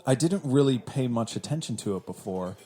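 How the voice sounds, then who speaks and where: A man with an Australian accent, co-hosting a casual TV recap podcast, chatty and quick to laugh while retelling scenes. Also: medium pitch, animated, mellow. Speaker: podcast co-host.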